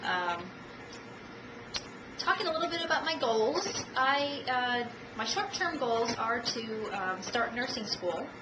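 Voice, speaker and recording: A woman in her thirties from the United States giving a self-introduction speech for a class, measured and dotted with ums and uhs, recorded on a camcorder. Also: on the high side, very animated. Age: 30s. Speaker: student. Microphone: camcorder at a distance. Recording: echoey room, distant camcorder, audible noise.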